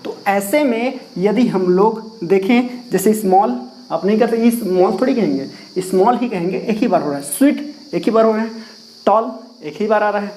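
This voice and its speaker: A man's voice: sits high, normal speed, darkish tone, slight background noise, low-quality recording. A man teaching English grammar to a class, asking questions and repeating the key words as he explains. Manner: writes and erases on a board while explaining. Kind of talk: classroom lesson explained in Hindi.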